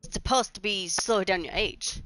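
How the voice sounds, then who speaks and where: Chatty young woman, bright and clear. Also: medium pitch, normal speed, rough recording. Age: 20s. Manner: rambling and chatty, with restarts and giggles. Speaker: gaming channel host. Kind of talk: casual gameplay commentary.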